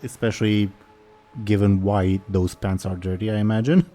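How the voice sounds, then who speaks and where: A man's voice: on the low side, fairly even intonation, normal speed, dark tone, soft background music. A man running a tabletop role-playing game as game master, narrating casually and putting questions to the players.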